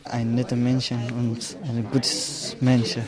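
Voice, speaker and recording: A man's voice: mid-range voice, completely flat delivery, takes it slowly, over music, poor audio. A young man, a recent arrival from Afghanistan, speaking in simple, learner's phrasing. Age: young adult. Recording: crowd chatter behind.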